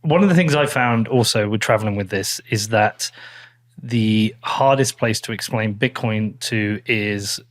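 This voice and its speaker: A man hosts a relaxed podcast interview in a lowish voice. He is blunt and curious. He swears casually and keeps throwing out quick questions. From England. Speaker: podcast host.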